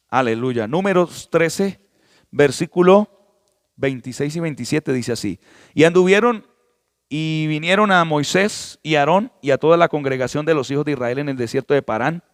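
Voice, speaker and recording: A man's voice: a little high, no echo, clean studio sound, big-room sound. Emphatic male pastor preaching. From Colombia. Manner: preaching with emphatic rises and exclamations. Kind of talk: sermon.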